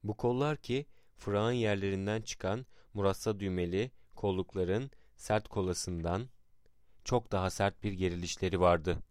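A man narrating a historical account in a measured, dramatic reading style. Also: low-pitched, darkish tone, clean tone, dry recording, studio quality.

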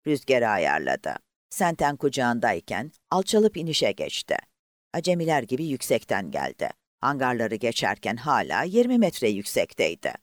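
A man's voice: medium pitch, huge pitch swings, normal speed, no echo, studio quality. A man narrating an audiobook expressively and voicing the characters himself.

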